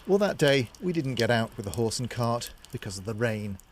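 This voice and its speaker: A man's voice: medium pitch, sing-song, moderate pace, a little hiss or hum. A man narrating a scripted radio feature as a reporter.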